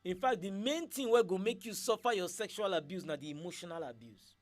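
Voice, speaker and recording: A man with a Nigerian accent speaking Nigerian Pidgin, hosting a casual radio chat and telling stories in an animated way, acting out what people said. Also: high voice, fairly quick, soft background music. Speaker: radio show host.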